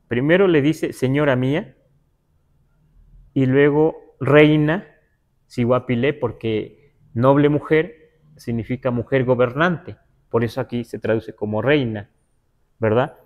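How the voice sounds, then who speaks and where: His mid-range, darkish voice stays fairly even as he teaches a livestreamed Nahuatl class. The man, from the Huasteca in Mexico, reads aloud slowly, explains each word in turn, and checks with listeners using "¿verdad?"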